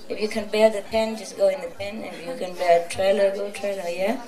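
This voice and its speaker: A woman's voice: mid-range voice, steady tone, brisk, crowd noise. A woman spiritual teacher giving an informal, chatty talk to a gathering, teasing and laughing often. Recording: roomy, from a distance.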